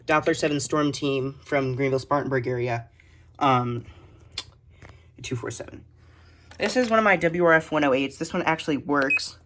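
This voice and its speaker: A noisy background accompanies this mid-range voice as a hobbyist presents a radio collection indoors, shelves of electronics all around. Recorded on a handheld phone behind the camera, the narration is casual and halting, listing items one at a time.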